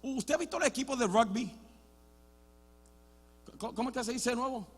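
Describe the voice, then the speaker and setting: A pastor with a strikingly high voice preaches a bilingual sermon, jumping between Spanish and English in mid-sentence. He repeats words as he restarts and moves between hushed stretches and shouted ones. His voice rings with the long reverb of a church hall. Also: animated, moderate pace, husky. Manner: builds to loud shouted passages, then drops to quiet. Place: church sanctuary.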